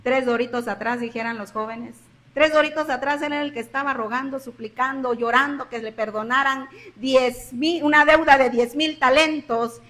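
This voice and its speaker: A woman pastor with a Mexican Spanish accent delivers a sermon, repeating phrases for emphasis and swinging between loud stresses and hushed drops. Her voice is high, her intonation fairly even, and her pace moderate.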